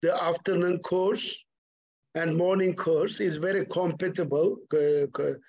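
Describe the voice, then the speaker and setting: A man talking business with a school director in an informal way, brisk with some fillers. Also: fairly high pitch, fairly even intonation, muffled recording, a crowd in the background. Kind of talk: business call.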